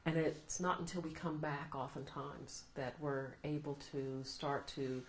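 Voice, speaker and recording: A middle-aged American woman, a law professor being interviewed, gives reflective answers in a low, steady voice. She's thoughtful and measured and laughs often. The recording has a roomy echo and light hiss.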